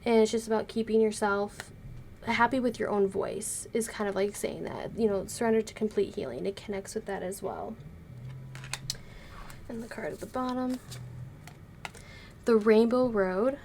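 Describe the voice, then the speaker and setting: A woman talks through a tarot reading at an easy, careful pace, sparing a voice that is slightly hoarse from being sick. Her pitch sits in the middle and her tone stays gentle. A faint hiss of noise runs under her voice. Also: moderate pace, pauses often. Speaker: tarot reader.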